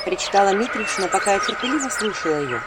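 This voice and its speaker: A woman narrating a story aloud in a lively, expressive way, acting out the quotes. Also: medium pitch, quick pace, heavy background noise. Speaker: audiobook narrator.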